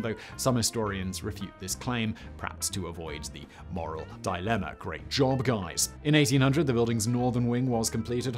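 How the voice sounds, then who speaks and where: A male host narrating a scripted history documentary, dropping in wry, sarcastic asides. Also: mid-range voice. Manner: wry, sarcastic asides with sudden loud outbursts.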